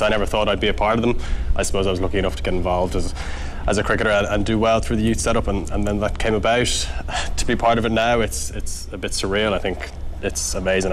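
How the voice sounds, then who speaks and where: A young Irish man, an international cricketer, answering questions in a post-match interview. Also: sits low. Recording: faint outdoor background noise.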